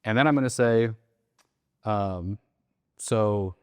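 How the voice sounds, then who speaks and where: A man's voice: on the low side, slow pace, clean tone, no room sound, studio quality. A man casually explaining how to run sales calls, often acting out the lines he says on the phone. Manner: relaxed, acts out sales calls with quoted lines. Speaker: real estate wholesaling coach. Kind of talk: casual teaching conversation.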